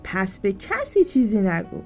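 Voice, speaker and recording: A woman's voice: mid-range voice, huge pitch swings, darkish tone, faint music behind. A woman voicing a friendly, playful shopkeeper in a storybook who shares secrets.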